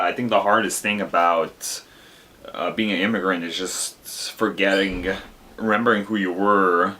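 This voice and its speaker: A man's voice: low voice, a bit bright, slight background noise. A young man from Lithuania sharing a personal spoken reflection, hesitant and full of fillers and restarts. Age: young adult. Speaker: college student.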